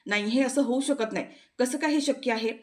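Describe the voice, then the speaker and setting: A woman voicing an angry, scheming young woman who shouts threats from jail, in a spoken recap of a TV serial. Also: on the high side, fairly quick, natural voice. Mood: furious.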